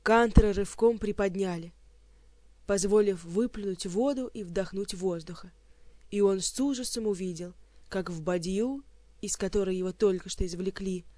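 Expressive audiobook narrator, mid pitch, dry close recording. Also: normal speed, no echo. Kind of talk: scripted fantasy narration.

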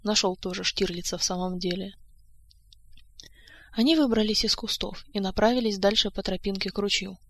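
Audiobook narrator, woman, mid pitch, steady delivery, dry close mic. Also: moderate pace, no echo. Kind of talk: scripted narration.

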